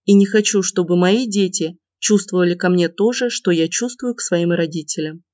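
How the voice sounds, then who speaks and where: A man reading the part of a tearful, anxious young woman student in an audiobook, in a soft pleading way. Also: sits high, moderate pace, no room sound, natural voice. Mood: upset. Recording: dull lo-fi dry recording.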